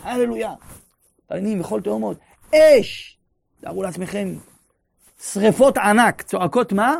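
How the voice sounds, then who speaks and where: A man teaching a live class on prayer, leading guided imagery with questions and building to loud exclaimed refrains. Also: sits high, vocal fry, no echo, clean studio sound. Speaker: religious teacher.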